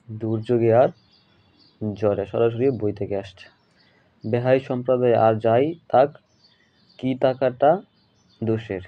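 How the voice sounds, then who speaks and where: Man repeating quiz answers, dull audio. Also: medium pitch. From Bangladesh. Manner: repeats each question and answer. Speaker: teacher. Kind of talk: exam question walkthrough.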